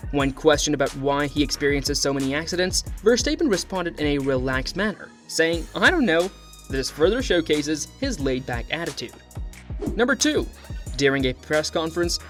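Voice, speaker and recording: Man narrating over soft music. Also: fairly high pitch. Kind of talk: scripted narration.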